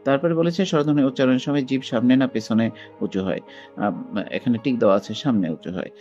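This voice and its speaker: A man's voice: mid-range voice, fast, a little mellow. A man teaching a class, working through a textbook exercise step by step, with many fillers, asking questions and answering them himself. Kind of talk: textbook lesson walkthrough. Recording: dull lo-fi sound with faint guitar music.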